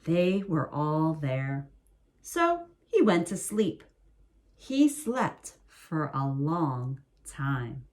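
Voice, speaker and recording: A woman reading a picture book aloud as a bedtime story, in a slow, soothing, expressive way. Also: low voice.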